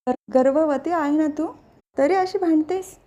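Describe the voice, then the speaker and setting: A woman voicing a meddling, sharp-tongued older aunt who taunts the family. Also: sits high, measured pace, muffled recording. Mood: taunting. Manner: taunting, nosy.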